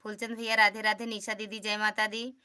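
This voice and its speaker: On her casual live stream, a woman from Uttar Pradesh, India, with an Awadhi accent greets viewers by name, chats, and encourages mutual support and return visits. She talks fairly quickly in a mid-range, level voice that is sharp yet smooth.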